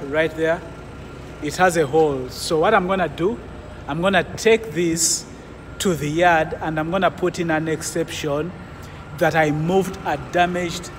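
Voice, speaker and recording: His pitch fairly high, a truck driver of about forty chats with viewers and explains things, handing out advice vlog-style. The footage is shot at arm's length on a phone or camera, mainly in the cab with some outdoor parts, and vehicle noise fills the background.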